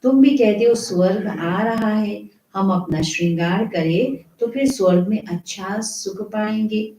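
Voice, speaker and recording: Slow, mellow woman preaching in an echoey room. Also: medium pitch. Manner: slow, explanatory preaching with rhetorical questions. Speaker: spiritual teacher. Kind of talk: devotional murli reading with commentary.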